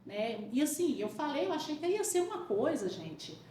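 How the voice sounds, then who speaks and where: A woman from central Brazil telling a personal faith story in a casual chat, lively and acting out the voices of the people in it. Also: high voice, normal speed. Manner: animated storyteller, acts out quoted voices. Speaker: guest. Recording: roomy sound, faint background hiss.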